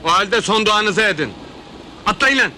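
An actor playing a cocky, street-smart neighborhood man who barks rough orders and mocking jokes. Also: sits high, expressive, moderate pace, background noise. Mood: bossy. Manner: bossy, rough, mocking commands. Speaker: neighborhood tough turned headman candidate. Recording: old film soundtrack with music.

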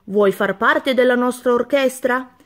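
A woman voicing a cheerful, friendly young male patchwork elephant in a storybook reading, with a bright, upbeat manner. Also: a little high, unhurried, voice pushed up, natural voice.

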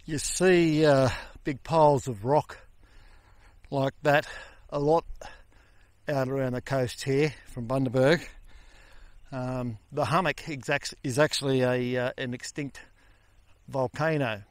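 An older Australian man chatting casually to the camera while cycling outdoors on a coastal gravel road. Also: mid-range voice, fairly even intonation, takes it slowly, dry recording. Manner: chatty, easygoing, talking while riding. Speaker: cycling vlogger. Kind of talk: casual ride commentary. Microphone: helmet or bike camera.

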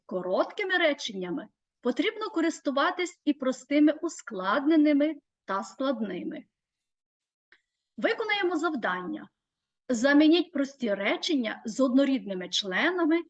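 A woman teacher giving a scripted presentation, measured and deliberate, stretching out listed terms slowly. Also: high-pitched.

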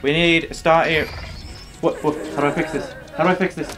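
A man's voice: a little high, level tone, brisk, over music. A young man giving casual let's play commentary, rambling and jokey, exasperated by game lag. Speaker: gaming video host.

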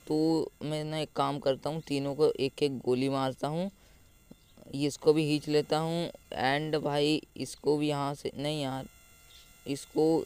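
Young male gaming host, rowdy live commentary, higher voice with a clean, clear tone. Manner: excitable, yelling at enemies, playful taunts. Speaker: gaming YouTuber.

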